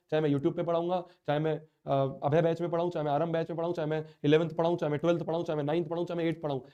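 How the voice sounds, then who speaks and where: A man's voice: on the high side, mellow, muffled recording. A man teaching a live online class, speaking in a hurt, earnest, pleading way while he has a sore throat and a stuffy nose.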